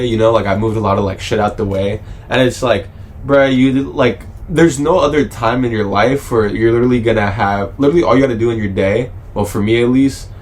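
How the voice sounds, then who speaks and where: A man in his twenties, a podcast co-host in casual chat, rambling in slang and saying bro a lot. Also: medium pitch. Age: 20s.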